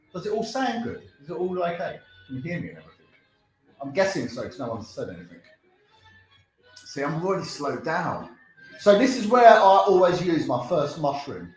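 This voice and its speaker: A man hosting a live charity game stream, chatting excitedly to viewers as he plays. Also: on the high side, echoey room. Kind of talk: live gameplay commentary.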